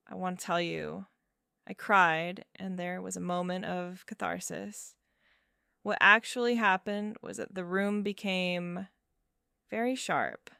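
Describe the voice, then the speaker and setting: Woman, 30s, first-person storyteller; smooth yet gravelly voice, measured and wry. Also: medium pitch, a bit bright, dry recording, clean studio sound. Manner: measured, wry, with fillers and small laughs. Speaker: narrator.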